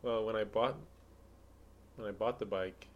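A man's voice: on the low side, fairly even intonation, unhurried, lo-fi sound. A man co-hosting a podcast, chatting casually in an easygoing, rambling way and restarting his sentences. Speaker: podcast co-host. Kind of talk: casual chat.

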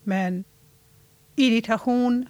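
A woman's voice: a little high, dark tone, no room sound. Woman from Iran, dry close voice. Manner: reflective, halting, slows down on feelings. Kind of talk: personal storytelling.

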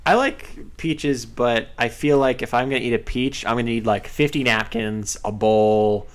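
A man's voice: medium pitch, normal speed, clean tone. A man chatting in a casual podcast, rambling along with lots of "like" and playful exaggeration. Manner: chatty, rambling with fillers and restarts. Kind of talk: casual chat.

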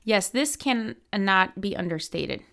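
A young adult political strategist from Miami answers interview questions earnestly and passionately, with many fillers and restarts. Her medium-pitched voice is slow, gravelly, expressive and fairly bright.

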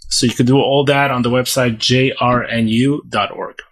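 A man from Ukraine, a rabbi, answering interview questions earnestly and haltingly, with many fillers. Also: medium pitch, fairly even intonation. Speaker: rabbi, guest. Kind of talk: podcast interview.

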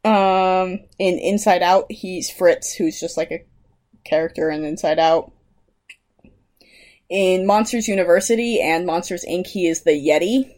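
A young woman co-hosting a casual podcast in a slightly low voice. She is chatty, laughs easily and reads out trivia in an eager, conversational way. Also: a little slow, darkish tone. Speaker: podcast co-host. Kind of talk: casual chat.

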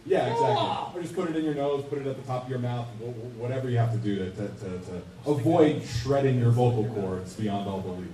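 A man's voice: medium pitch, brisk, hardly any pauses, a crowd in the background. A man voice actor talking earnestly on a convention panel, often stammering and restarting. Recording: echoey hall, far from mic.

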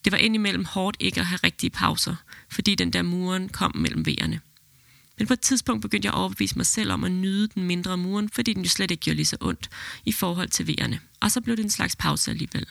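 This podcast-hosting midwife reads out a birth story in a steady, level way, afterward discussing it. She has a voice on the low side with vocal fry, and there's no echo.

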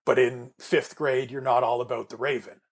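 A man's voice: medium pitch, little pitch movement, moderate pace, slightly rough. A man from Canada hosting a casual podcast chat, talking in a rambling way with restarts. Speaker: podcast host.

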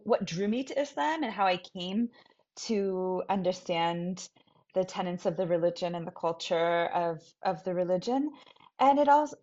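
A woman from New Hampshire, a scholar and teacher, reflecting thoughtfully on her path, pausing and restarting as she searches for words. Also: medium pitch, darkish tone. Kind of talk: reflective personal talk. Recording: dull lo-fi recording.

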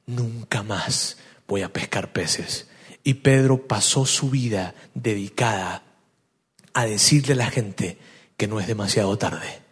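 A middle-aged man preaching a sermon as a pastor, telling stories and moving between loud, animated bursts and low, hushed passages. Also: husky. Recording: long reverb of a large hall.

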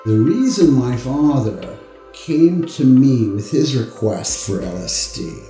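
A man telling stories about his father in an expressive, personal way, with soft music behind him. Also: mid-range voice, slow, reverberant. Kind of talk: personal storytelling.

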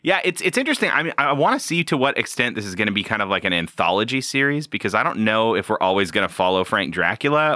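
Man, podcast co-host, bright tone, dry close sound, jokey comic chat. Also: fairly low pitch, smooth, no echo. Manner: laughing, jokey, animated retelling. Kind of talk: casual comic-book chat.

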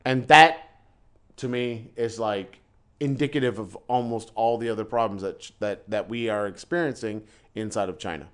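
A man's voice: fairly low pitch, moderate pace, fairly bright tone. Exasperated male teacher ranting. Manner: exasperated storytelling rant, repeats himself. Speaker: English teacher in China. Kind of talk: casual podcast chat.

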